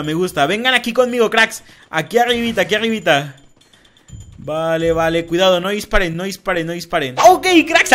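A young man hosting a multiplayer minigame, commentating with excited energy, shouting and laughing at the action. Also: very high-pitched. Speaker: gaming youtuber hosting a minigame.

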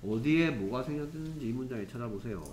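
A man's voice: medium pitch, expressive. Echoey male English teacher lecturing. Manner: reads English sentences slowly, checks with "됐습니까?". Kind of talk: classroom lecture. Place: classroom.

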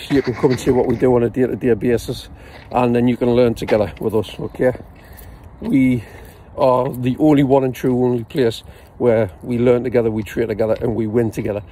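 A man's voice: medium pitch, mellow, slight background noise. A man talking casually to camera in a home vlog, rambling with many fillers and calling his viewers "guys". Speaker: forex trader vlogger. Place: at home, moving between rooms and outdoors.

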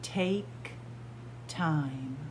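In a small library room, a middle-aged woman librarian reads a picture book to kids one word at a time, stressing words like a teacher. Her voice is deep and darkish, with drawn-out words. A close webcam or phone at arm's length captures her, along with a little hiss or hum.

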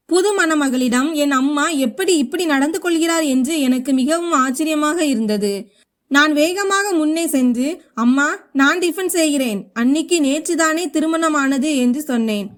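High-voiced woman storyteller. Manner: steady first-person storytelling. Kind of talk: scripted story narration.

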